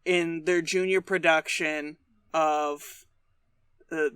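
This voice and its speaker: Sweary joking man with a bright voice. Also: a little high, slow pace, smooth, no room sound. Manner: joking, sweary, deadpan asides. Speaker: podcast co-host. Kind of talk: casual comedic chat.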